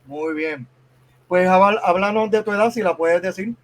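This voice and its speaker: A man's voice: high-pitched, moderate pace. A man hosting a podcast interview, speaking formally with hesitant fillers. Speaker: podcast host.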